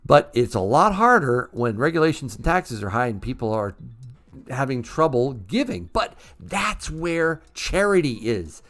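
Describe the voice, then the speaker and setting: A man hosting a call-in livestream, ranting excitedly and laughing at himself. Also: mid-range voice, measured pace. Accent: New England. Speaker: livestream host. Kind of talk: casual call-in livestream talk.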